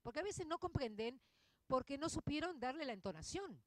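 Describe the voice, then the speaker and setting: Argentine woman in her 50s, veteran literature teacher addressing a room, lively and conversational, dry close sound. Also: sits high, brisk, no room sound. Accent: Argentine Spanish. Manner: expressive, frequent tag questions "¿no?" and "¿eh?". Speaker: literature teacher giving a public talk. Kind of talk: conversational lecture to an audience.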